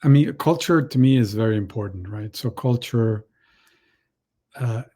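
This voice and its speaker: A man who grew up in Chile, speaking as a panel guest in a halting way, with many restarts and fillers. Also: mid-range voice, mellow, slightly rough. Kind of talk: panel discussion.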